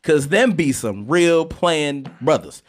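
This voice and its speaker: A man's voice: on the high side, lively intonation, slow. A man co-hosting a sports talk show, joking around in a playful way. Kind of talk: casual sports chat.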